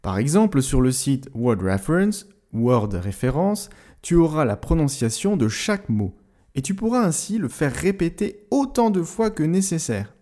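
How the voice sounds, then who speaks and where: A man hosting a language-learning podcast, explaining pronunciation tips in a clear, didactic way, slowing down to model words. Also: fairly high pitch, warm tone. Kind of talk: scripted educational narration.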